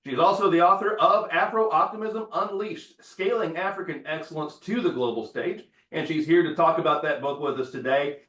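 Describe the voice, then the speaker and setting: A man's voice: on the high side, moderate pace, hardly any pauses, bright, forceful tone, echoey room, far from the mic. A man hosting an interview show, upbeat and welcoming as he introduces his guest. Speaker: podcast host. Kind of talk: hosted interview.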